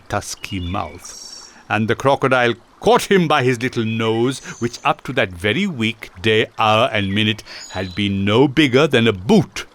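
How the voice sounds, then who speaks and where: A man narrating a classic children's story in a slow, theatrical reading style. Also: medium pitch, a bit bright.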